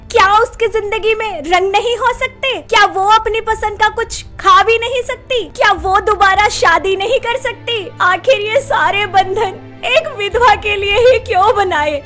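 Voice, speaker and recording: A woman's voice: very high voice, bright, forceful tone, heavily acted. A woman voicing a young widowed daughter-in-law in a cartoon story, speaking emotionally. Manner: emotional, pleading. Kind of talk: Hindi cartoon dubbing.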